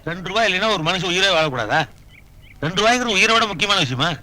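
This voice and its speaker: A man's voice: high voice, animated, quick pace, pushed and bright, slight background noise, heavily acted. An actor playing a god visiting earth as a man, who asks innocent, wondering questions in a Tamil film comedy. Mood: curious.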